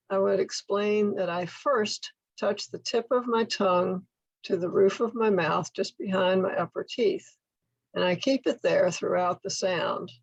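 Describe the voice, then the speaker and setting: An older woman teaching in a slide presentation, speaking slowly and enunciating carefully as she models speech sounds step by step. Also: medium pitch, creaky, breathy edge, dry recording, muffled recording. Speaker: workshop instructor for literacy tutors. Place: indoor room at home, video call.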